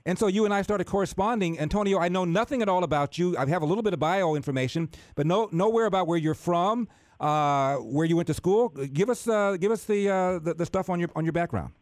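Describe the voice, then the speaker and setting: A man hosting a talk radio interview, speaking in a measured, conversational way with occasional fillers. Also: sits high, dry recording. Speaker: radio talk show host.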